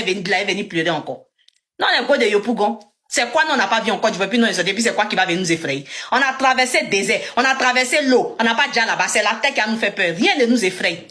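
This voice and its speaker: A young woman with an Ivorian French accent, telling her story live to viewers and acting out what others said with emphasis. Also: a little high. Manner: animated, emphatic, acts out dialogue. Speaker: livestreamer.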